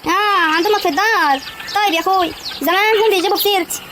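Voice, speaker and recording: A woman's voice: very high voice, racing. A woman playing a nosy, nagging village sister-in-law, speaking with a rural Egyptian accent. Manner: prying, nagging. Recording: loud outdoor noise, chickens.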